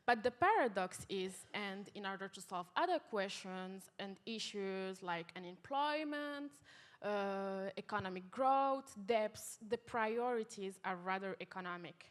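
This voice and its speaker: A young woman from Morocco speaking on a conference panel, pausing to search for her words. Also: medium pitch, animated. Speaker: youth activist on a panel. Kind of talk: panel discussion.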